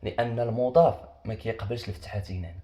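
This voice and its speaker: A man's voice: lowish voice, rapid-fire, mellow. A young Moroccan man teaching an exam-prep grammar lesson. He asks questions and answers them himself, and he repeats the key points. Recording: echoey room.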